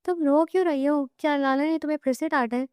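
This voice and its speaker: A woman reading aloud as a concerned young cousin in a romance audiobook, asking quick, worried questions. The voice is high and fast, recorded close and dry. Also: fairly even intonation, darkish tone, dry recording, natural voice.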